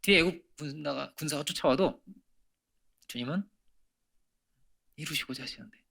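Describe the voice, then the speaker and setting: A man in middle age preaches a Sunday sermon from a church pulpit. His voice is bright and forward, sitting a little high for a man. He keeps the tone conversational, throws rhetorical questions to the room, and moves between emphatic peaks and hushed near-whispers. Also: moderate pace, creaky, husky. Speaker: pastor. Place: church sanctuary.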